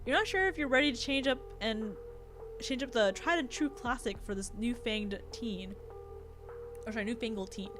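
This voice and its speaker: Female game streamer: high voice, informal, giggly, switches between chat and read-aloud narration, music behind. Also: moderate pace.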